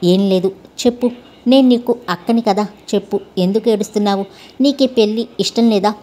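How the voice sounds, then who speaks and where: A woman reading a storybook voice for a kind, educated young woman who gently coaxes like an older sister. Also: medium pitch, fairly quick, close to an everyday voice. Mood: coaxing.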